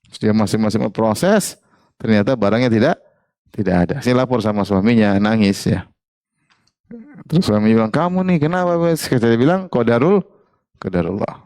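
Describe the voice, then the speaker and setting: A man's voice: fairly low pitch, a little mellow, dry recording. Male preacher, dry close sound. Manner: asks the audience questions and repeats key phrases. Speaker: Islamic preacher. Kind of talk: religious study lecture.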